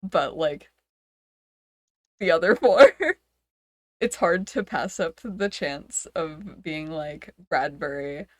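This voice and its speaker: A woman streaming in a relaxed, rambling chat, laughing between thoughts and making a show of mock despair. Her voice sits a little low and moves at a slow, easy pace. The sound is close and dry, with no room around it. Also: no room sound. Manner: giggly, rambling, self-dramatizing. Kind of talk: casual chat.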